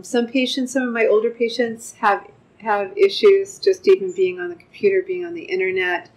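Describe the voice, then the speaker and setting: An older woman, a clinic manager, gives an unscripted customer testimonial in a measured way, pausing often with "um", seated indoors with a lapel mic. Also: mid-range voice, rough recording. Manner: measured, frequent "um" pauses. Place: wood-paneled room with large windows, indoors.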